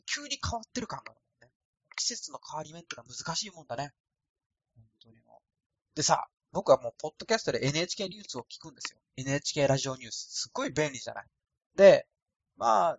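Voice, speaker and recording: Solo podcaster from Osaka, male, thin husky voice, lively pitch, dry close recording. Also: fast talker. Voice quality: thin, light voice. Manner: rambling, self-deprecating and casual. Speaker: podcast host. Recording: dry, no added echo.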